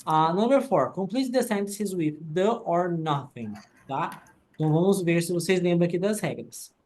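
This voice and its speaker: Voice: mid-range voice, expressive, moderate pace, a little mellow. A teacher talks through grammar rules one at a time. The delivery is methodical, with frequent short check-ins to the class. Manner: explains rules step by step, often ends with "tá?". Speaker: English teacher.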